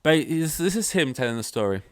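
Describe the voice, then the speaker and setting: A man's voice: on the high side, very animated, a little fast, clear, resonant tone, no room sound, clean studio sound. A young man hosting a solo podcast from home, rambling offhandedly and swearing casually. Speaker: podcast host. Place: at home with his dog. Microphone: desk mic, plugged in.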